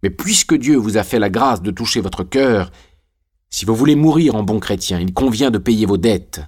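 A man's voice: fairly low pitch, expressive, normal speed, a little mellow, husky. A man reading the lines of a stern, greedy old carpenter father in an audiobook, in a grasping tone.

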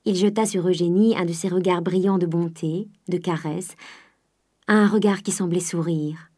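A woman narrating a classic novel as a scripted audiobook, measured and at times dropping to a soft near-whisper. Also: fairly low pitch, fairly even intonation.

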